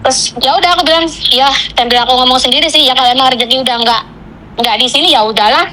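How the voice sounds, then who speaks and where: A woman on a phone call, venting about her job in rushed, broken sentences. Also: sits high, bright, forceful tone, slight background noise. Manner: venting, tells a story in rushed fragments with Javanese fillers. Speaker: caller, migrant domestic worker. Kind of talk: casual chat.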